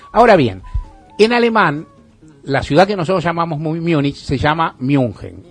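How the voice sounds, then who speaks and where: Husky wry Argentine radio host, man. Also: medium pitch. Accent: Argentine Spanish. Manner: wry, ironic, chuckles while talking. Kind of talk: casual radio monologue.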